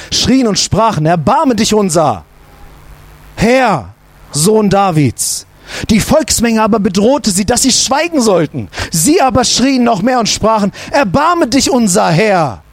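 A male pastor preaching a sermon emphatically, using repeated rhetorical questions and dropping to a low voice for emphasis. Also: no room sound.

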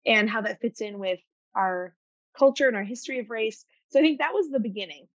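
A woman's voice: a little high, no echo. Young female designer guest from Arkansas, reflective storyteller, dry and slightly lo-fi video-call audio. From Arkansas, United States. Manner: thoughtful, measured storytelling. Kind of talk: reflective interview answers.

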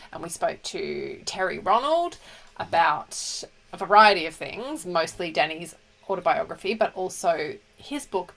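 A woman's voice: lowish voice, vocal fry, fairly bright tone. Bubbly woman podcast co-host. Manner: bubbly, gushing, chatty. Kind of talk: casual chat.

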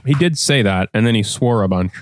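A man's voice: fairly low pitch, fairly quick. A man hosting a tech podcast, chatting casually and joking with his co-hosts. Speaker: podcast host.

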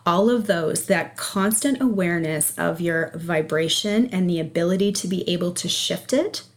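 A woman with a slightly low voice answers as a guest coach in an interview. She explains things conversationally, checking in for agreement as she goes. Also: normal speed. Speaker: energy and life coach, podcast guest.

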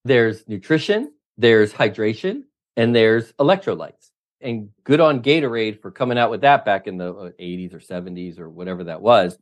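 A middle-aged triathlon coach, appearing as a podcast guest, answers interview questions emphatically and with strong opinions, often running through lists. His voice is fairly low and his pace normal.

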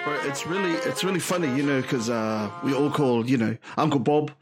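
A man's voice: medium pitch, brisk, loud music behind the voice. A man chatting casually and slangily as a podcast host. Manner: slangy, says bro often. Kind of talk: casual chat.

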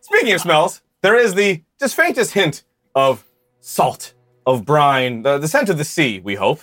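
Playful woman game master, animated delivery, light music bed. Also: low voice, unhurried, no echo. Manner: playful, laughs often. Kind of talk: narrating a tabletop game.

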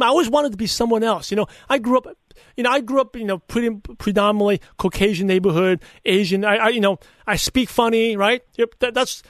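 Recorded in clean studio sound with no room noise, this interview guest, a middle-aged podcaster and coach, tells personal anecdotes in earnest, emphatic conversation. His very high, fairly bright voice carries a lisp and a mix of Brooklyn and Chinese accents.

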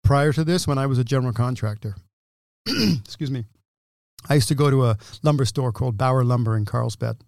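A man's voice: medium pitch, fairly quick, creaky, darkish tone, no room sound, studio quality. Assured English-born man in his sixties. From England. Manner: explanatory, detailed, assured. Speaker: guest, window company owner. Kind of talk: casual interview talk.

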